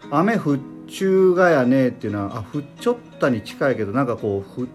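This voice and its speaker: A man with a Tosa accent co-hosts a podcast in unhurried, casual talk. His pitch moves around a lot, and he searches for words with plenty of fillers. Soft guitar music plays faintly behind him. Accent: Tosa dialect. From Kochi, Japan. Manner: relaxed, halting, many fillers, explains words. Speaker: podcast co-host. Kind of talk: casual conversational chat.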